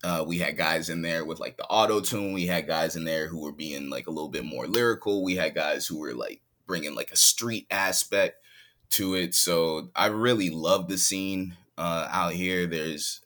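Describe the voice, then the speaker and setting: This San Diego, California native, a rapper now based in Hawaii, talks casually on a podcast from his home over a remote call. His low voice has a fairly bright tone and a moderate pace, and he stays laid-back, laughing easily.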